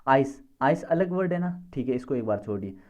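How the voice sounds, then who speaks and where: A male teacher explaining a lesson patiently, often checking that students follow and reading definitions out slowly and deliberately. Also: mid-range voice, lively intonation, a little mellow. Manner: patient, repeats checks for understanding. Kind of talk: classroom-style lesson explanation.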